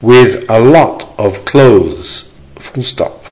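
A man reading an English-lesson dictation aloud in short, deliberate, carefully measured phrases, repeating them and speaking the punctuation. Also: mid-range voice, animated, a little mellow. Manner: deliberate, measured enunciation with pauses. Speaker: language teacher reading dictation.

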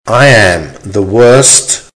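Slow, deliberate man reading a dictation. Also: lowish voice, animated, a bit bright. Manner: deliberate, measured enunciation with pauses. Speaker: language teacher reading dictation. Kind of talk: slow dictation read aloud, each phrase repeated, punctuation spoken.

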